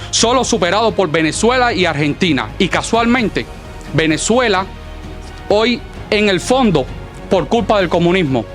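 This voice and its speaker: Cuban guy doing a declamatory political speech, pretty high voice, faint music behind him. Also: fairly bright tone. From Cuba. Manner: declamatory, solemn oratory. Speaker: political speaker at an exile inauguration. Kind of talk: formal political speech, partly read from a script.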